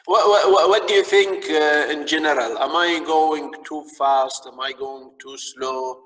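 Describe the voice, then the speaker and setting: Casting: male lecturer, Arabic accent, halting repetitive phrasing, recorded distant with long reverb. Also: a little high, a bit bright. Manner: repeats words and stumbles as they search for phrasing. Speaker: instructor teaching a training course. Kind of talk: live lecture with audience questions. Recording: distant, echoing reverberant sound.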